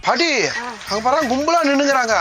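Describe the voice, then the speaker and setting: A man's voice: extremely high pitch, fast talker, over loud music. A man acting in a village comedy sketch, bossy and scolding, demanding answers.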